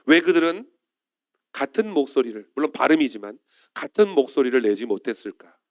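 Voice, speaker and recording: A man's voice: medium pitch, big pitch swings, a little fast, darkish tone, dry recording, studio quality. A male pastor preaching a Sunday sermon in church, often turning to the congregation with questions.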